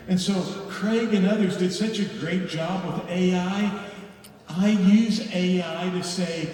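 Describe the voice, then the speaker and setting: A man who works as a real estate trainer gives an animated seminar talk to an audience, asking rhetorical questions and stressing key words. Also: sits high, a little hiss or hum. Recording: echoey hall recorded from far off.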